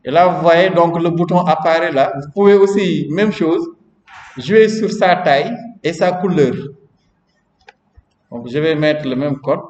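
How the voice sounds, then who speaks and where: A man's voice: a little high, measured pace, darkish tone. A man instructing a class in programming during a live coding lesson, chatty and often checking in with the students. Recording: roomy, dull lo-fi classroom recording with long reverb.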